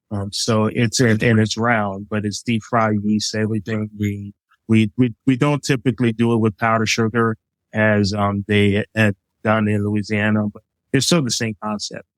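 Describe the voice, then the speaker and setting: Here a Liberian chef in middle age chats as a guest in a laid-back interview, explaining his cooking through examples with many filler words. He speaks unhurriedly in a lowish, level voice. The audio is dry and low in quality.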